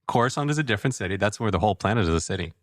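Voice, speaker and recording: A man's voice: on the low side, animated, rapid-fire, no room sound, studio quality. A man co-hosting a comedy morning show, trading wry, pedantic quips. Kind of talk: improvised comedy banter.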